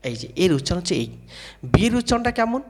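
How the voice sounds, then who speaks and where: A man giving a spoken lesson on how to say letters, asking questions, answering them himself and repeating each sound slowly. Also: high-pitched, very animated, a little mellow. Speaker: English teacher.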